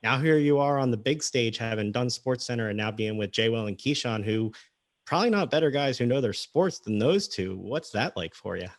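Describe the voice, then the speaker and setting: A man's voice: medium pitch, lively intonation, brisk, dry recording, clean studio sound. A man hosting a sports talk show, asking his guest a friendly, rambling question. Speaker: radio show host. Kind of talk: casual interview questions.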